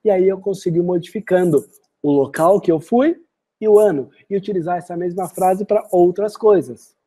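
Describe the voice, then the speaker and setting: In a screen-recorded lesson, a man with a Brazilian Portuguese accent teaches English phrases, saying each example slowly and deliberately before translating it. His high voice is also dark and mellow, with a breathy, husky edge.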